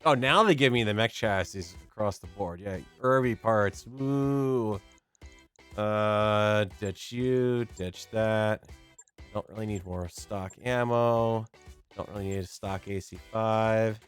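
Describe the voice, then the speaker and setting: A man's voice: fairly low pitch, slow, smooth. Wry male gamer over game music. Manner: wry, sardonic asides. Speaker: gaming host. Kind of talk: casual let's-play commentary, reading game text aloud.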